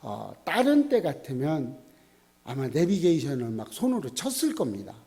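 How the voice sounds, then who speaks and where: A man's voice: on the high side, wildly swooping pitch, moderate pace, warm tone. A middle-aged man, a pastor, preaching at a Friday prayer meeting in a folksy way with joking asides.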